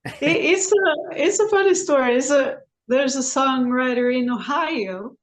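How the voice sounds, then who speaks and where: A singer-songwriter woman from Sweden, a guest in an interview, who talks slowly and haltingly with many restarts. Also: high voice, expressive, low-quality recording.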